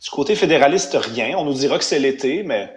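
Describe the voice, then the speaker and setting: A man's voice: mid-range voice, expressive, fairly quick, roomy sound. Emphatic Quebec man on talk radio. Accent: Quebec French. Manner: emphatic, with many restarts and fillers. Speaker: radio commentator. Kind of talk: opinionated radio chat.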